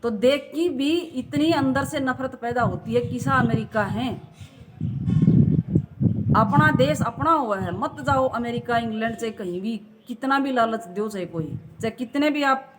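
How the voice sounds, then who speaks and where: A woman vlogger, scolding her viewers in an impassioned rant full of rhetorical questions. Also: a little high. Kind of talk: impassioned talking-to-camera rant. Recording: loud background noise.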